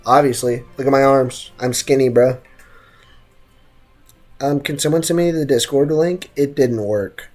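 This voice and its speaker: A young American man streams a game and chats casually in slang, reading chat and responding at a measured pace with frequent pauses. His voice is medium-pitched with a darkish tone, and game music plays behind him during the live gaming chat.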